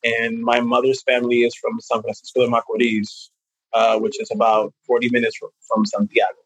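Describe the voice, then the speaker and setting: A man's voice: mid-range voice, completely flat delivery, a little fast, fairly bright tone, husky, dry recording, poor audio. Young man, thoughtful guest on a podcast. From New York. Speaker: guest actor. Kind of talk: casual interview chat.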